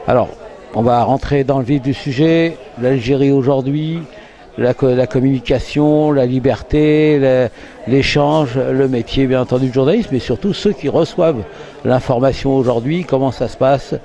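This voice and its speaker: Halting male interviewer with a mellow voice. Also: medium pitch. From France. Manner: halting, searching for words. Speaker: journalist interviewer. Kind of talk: conversational interview.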